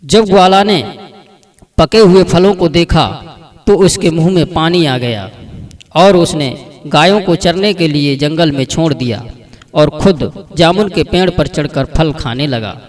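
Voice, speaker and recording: A man narrates a folk story in a plain, steady storyteller's manner. His voice sits a bit high for a man. He sounds set back from the microphone. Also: a little slow, distant mic.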